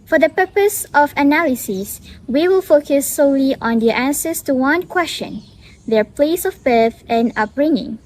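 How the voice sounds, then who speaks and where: A young woman student narrating the method and results of a class study in a steady, report-like manner. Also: high voice, moderate pace. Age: young adult. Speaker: student presenter. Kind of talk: scripted educational narration.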